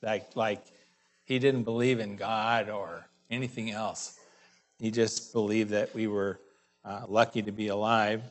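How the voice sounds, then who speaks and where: A male pastor preaching a sermon in a halting, conversational way, with many fillers and restarts. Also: on the low side, flat delivery.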